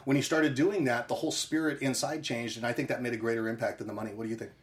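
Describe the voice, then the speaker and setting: A man's voice: mid-range voice, fairly even intonation, racing. A man co-hosting a TV after-show, chatting casually and joking, often restarting his sentences. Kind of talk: casual chat.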